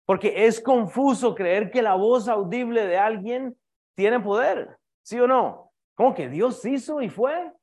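A man's voice: very high voice, animated, measured pace, a little mellow. A male pastor preaching an emphatic sermon, repeatedly calling on his congregation and often restarting his phrases.

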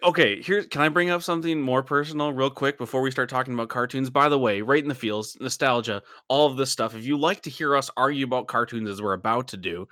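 Bright-voiced joking podcast host man. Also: mid-range voice, no room sound, clean studio sound. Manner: jokey, laughs often, quick asides. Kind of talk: casual podcast chat.

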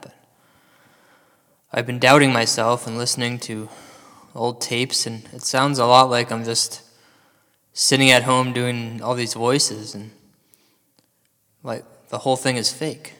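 A man's voice: mid-range voice, fairly bright tone, lightly acted. An actor playing a paranoid, self-pitying paranormal radio host in an ominous late-night storytelling style, rambling and half-joking in his drama. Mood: troubled, insistent. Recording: long hall-like reverb.

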